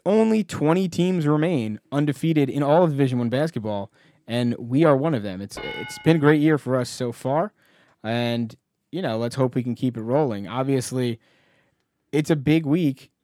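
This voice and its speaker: A man's voice: mid-range voice, normal speed, warm tone, no echo. Man hosting a casual sports podcast, dry sound. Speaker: podcast host.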